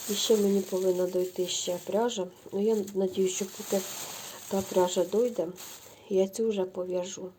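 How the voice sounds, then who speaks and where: A woman's voice: mid-range voice, fairly even intonation, moderate pace, dark tone, slight background noise. A middle-aged woman, chatting effusively to viewers as she shows knitting yarn at home. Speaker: knitting vlogger. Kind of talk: casual show-and-tell chat.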